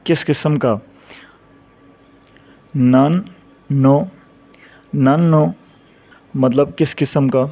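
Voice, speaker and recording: A man with a Pakistani Urdu accent, teaching a beginner grammar lesson and repeating each example phrase slowly. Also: fairly high pitch, a little mellow. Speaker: Japanese teacher. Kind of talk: slow, deliberate grammar lesson.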